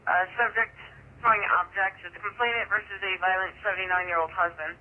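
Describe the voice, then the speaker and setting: An emergency dispatcher, a woman, reads out police calls over two-way radio in a clipped, businesslike manner. Her medium-pitched voice is brisk with fairly even intonation, and the audio has the tinny, phone-like sound of a police scanner.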